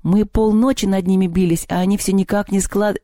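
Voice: mid-range voice, steady tone, brisk, dark tone, dry recording, studio quality, pitched above the performer's own voice, natural voice. A reader voicing a thoughtful teenage boy who muses aloud. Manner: musing.

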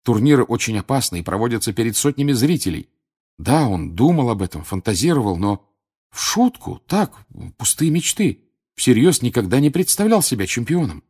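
A man narrating an audiobook, expressive, with dramatic pauses. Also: medium pitch, slightly rough. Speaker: audiobook reader.

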